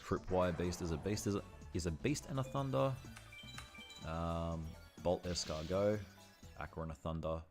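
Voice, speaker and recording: Brief: male streamer, deep voice, chatty and self-correcting, faint game music behind. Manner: chatty, thinks aloud and corrects himself often. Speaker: livestreamer. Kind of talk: casual gameplay livestream commentary.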